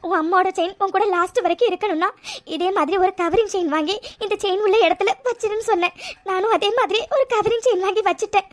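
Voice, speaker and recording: A woman's voice: extremely high pitch, fairly even intonation, quick pace. A woman voicing a sincere young woman in a cartoon, tearful and pleading, often repeating her words. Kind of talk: cartoon voice acting.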